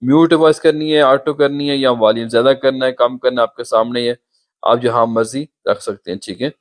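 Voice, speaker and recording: Speaking a little fast at medium pitch and with fairly even intonation, a YouTube host leads a step-by-step app tutorial. He patiently indicates items on the screen, and the clip was recorded with a phone.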